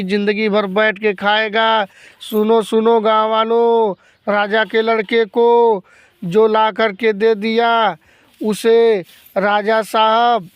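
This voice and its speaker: Picture a village crier in a homemade skit, drawing out each word as he proclaims a reward as a man plays him. The voice is high and smooth with very little rise and fall, and the sound is dry and close. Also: dry recording. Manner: slow, drawn-out proclaiming.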